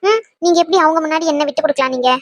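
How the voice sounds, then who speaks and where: A woman's voice: high voice, close to an everyday voice. A woman voicing a young wife in a cartoon who scolds her husband in a hurt, indignant way. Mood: reproachful. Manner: reproachful, rapid and indignant. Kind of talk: cartoon voice acting.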